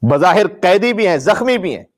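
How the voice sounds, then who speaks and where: A male preacher delivers an impassioned sermon in a high-pitched, sing-song, brisk voice. His emphatic, declamatory style carries a mournful storytelling quality, live-streamed from an indoor room hung with draped religious banners.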